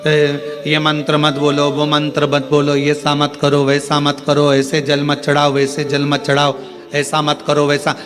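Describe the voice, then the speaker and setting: An Indian man preaching a live devotional sermon, swinging between low murmurs and soaring high calls, with rhythmic chant-like repetition. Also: completely flat delivery, a little slow. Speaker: kathavachak preacher. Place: large outdoor religious gathering.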